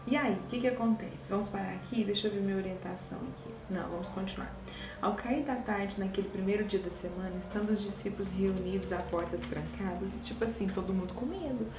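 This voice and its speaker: A woman reading scripture aloud at home and breaking off into expressive, exclamatory asides to her listeners. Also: medium pitch, fast, noisy background. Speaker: Bible study leader. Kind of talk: devotional Bible reading with commentary. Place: home at night. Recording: roomy, distant mic, faint ambience.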